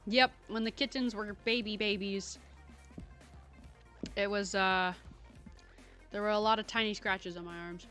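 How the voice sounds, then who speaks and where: Bright, giggly young woman streamer. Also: medium pitch, steady tone, measured pace, long pauses, soft background music. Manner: playful, giggly, chatting to viewers while eating. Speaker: livestream host. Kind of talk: casual livestream chat.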